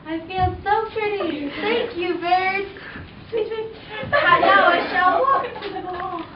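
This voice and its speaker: A woman's voice: very high-pitched, slow. Woman playing a swooning Cinderella. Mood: dreamy. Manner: theatrical, swooning. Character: dramatic lovestruck young Cinderella. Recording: distant, roomy, dull, hissy.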